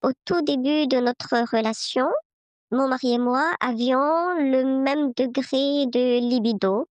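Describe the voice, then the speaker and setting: A woman in her fifties, her voice altered by a voice changer, leaving a measured, hesitant listener message. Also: no room sound. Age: 50s. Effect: voice changer, pitch-shifted disguised voice.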